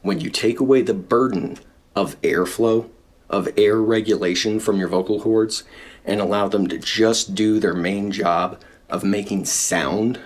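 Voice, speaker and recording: Low-voiced male vocal coach. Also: unhurried. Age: adult with young daughter. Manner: instructive, demonstrates breathing with audible gasps. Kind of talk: singing lesson explanation.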